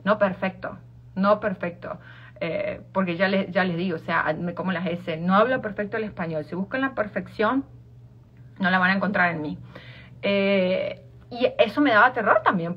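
A woman with an Argentine Spanish accent and a medium-pitched, slightly breathy voice gives an informal motivational talk as a life coach, repeating herself and restarting phrases. The sound is dull and lo-fi.

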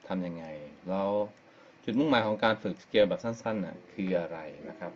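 A man's voice: deep voice, fairly quick. A man giving a casual live-stream guitar lesson, explaining step by step and counting scale degrees aloud. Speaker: guitar teacher. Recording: slightly dull live-stream audio with guitar music. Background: guitar playing and backing track.

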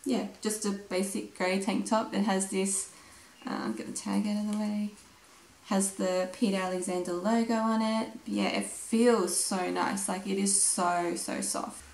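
A woman's voice: medium pitch, level tone, a little slow, a little mellow. A young Australian woman with a fading voice chatting casually and gushing about her clothes. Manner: chatty, gushing, says "like" and "literally" a lot. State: losing her voice. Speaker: vlogger. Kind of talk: casual try-on haul chat. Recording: echoey room.

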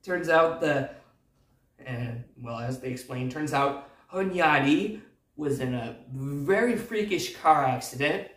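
A man's voice: fairly high pitch, lively intonation, takes it slowly, fairly bright tone. Rambling man in an echoey room. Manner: rambling, hesitant, many fillers. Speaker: movie review host. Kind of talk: casual movie recap. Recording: echoey room, distant mic.

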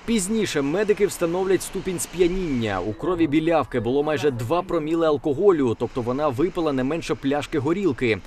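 A man's voice: fairly high pitch, animated, a little mellow. A man narrating a news report as a formal, scripted voice-over. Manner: measured, formal.

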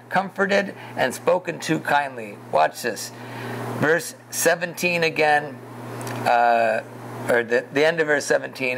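Gravelly high-pitched man preaching. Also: fairly bright tone, a little hiss or hum, poor audio. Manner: emotional, conversational, addresses listeners as "you guys". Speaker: pastor. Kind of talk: sermon.

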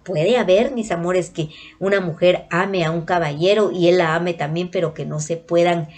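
A Guatemalan woman talks straight to her viewers in a relaxed vlog. Her voice sits a little low, and she keeps retelling a conversation in a chatty, looping way. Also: normal speed. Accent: Guatemalan Spanish. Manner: chatty, retells dialogue, keeps addressing viewers as "mis amores". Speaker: vlogger. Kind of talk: casual storytelling to viewers.

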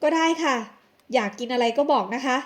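A woman's voice: high voice, a little fast. A woman narrating an audio drama and voicing its sassy young heroine.

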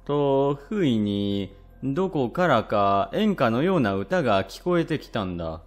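A man narrating a ghost story in a measured, conversational first-person storytelling way. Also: mid-range voice. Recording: music behind the voice. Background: background music.

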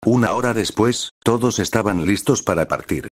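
A man reading a fan story aloud in steady, even narration. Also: fairly low pitch, normal speed, no room sound. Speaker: fan fiction reader.

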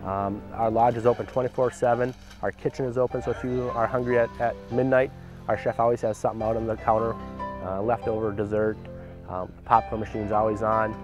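Interviewed casually outside by a cabin, a young adult from Canada who owns a family lodge speaks earnestly, with fillers and restarts, over loud background music. The audio is dull, and his lowish voice moves little in pitch at a brisk pace.

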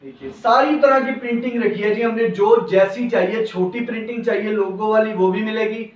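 A man's voice: high-pitched, fairly even intonation, moderate pace, a little hiss or hum. A young man presenting T-shirts in a clothing shop, with an eager, repetitive salesman patter and a lapel mic. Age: young adult. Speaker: garment seller presenting stock. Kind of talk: product showcase sales pitch. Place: indoor clothing shop with hanging racks. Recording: roomy, dull, slightly distant.

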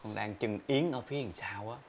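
A man's voice: fairly low pitch, fairly quick, slight background noise, natural voice. An actor playing a caring, fussy grown son who coaxes his mother, with a Southern Vietnamese accent. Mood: coaxing. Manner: fussing, coaxing.

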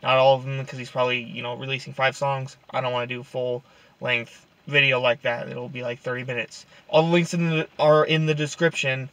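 A man's voice: mid-range voice, level tone, fairly quick, fairly bright tone. A man hosting a reaction video, chatting casually and swearing offhandedly. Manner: laid-back, swears casually. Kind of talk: casual chat.

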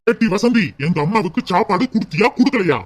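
A man's voice: sits high, animated, fast, very noisy. A man voicing a village husband in a cartoon, torn between his mother and wife, with a southern Tamil accent. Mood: scolding. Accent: southern Tamil (Tirunelveli). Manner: pleading and scolding by turns.

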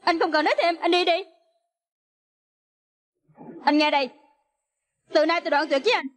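A woman's voice: extremely high pitch, animated, slow pace, sharp tone, a little hiss or hum, full character voice. A woman dubbing a distraught young woman who pleads tearfully with a raised voice, for a film. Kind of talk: Vietnamese film dub.

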